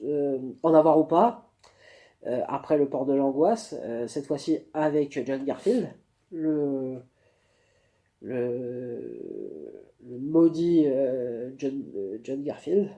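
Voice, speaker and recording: Slow, hesitant man reviewing to camera. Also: mid-range voice, sing-song, dark tone. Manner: hesitant, many fillers and restarts. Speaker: vlogger reviewing a book. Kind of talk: spontaneous face-camera review. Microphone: camera mic.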